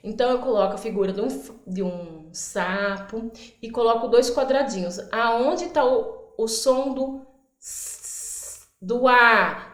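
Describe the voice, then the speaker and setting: A woman teacher with a fairly high voice walks through literacy activities step by step. She stretches words out slowly to show how they break into sounds, then voices her prompts to the children. The recording has a noticeable room echo. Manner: stretches out words for demonstration, acts out classroom prompts. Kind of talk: instructional explainer.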